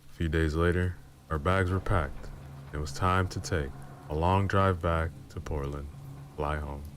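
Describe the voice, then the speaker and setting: Deep-voiced male narrator for horror story readings, calm and low-key. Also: unhurried, slight background noise.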